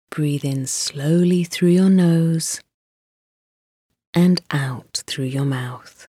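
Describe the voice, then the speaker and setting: A woman guiding a sleep meditation, speaking softly and soothingly and often dropping into a whisper. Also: lowish voice, breathy edge, no room sound, clean studio sound. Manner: slow, soft, soothing, drifting into whispers. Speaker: meditation guide.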